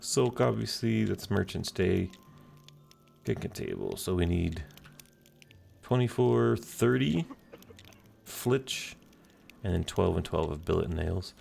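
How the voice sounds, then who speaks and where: A man's voice: low-pitched, slow, creaky, long pauses, darkish tone, a little hiss or hum. A man casually commenting on his own gameplay, muttering and humming to himself as he plays. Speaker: video game player. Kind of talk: let's play commentary.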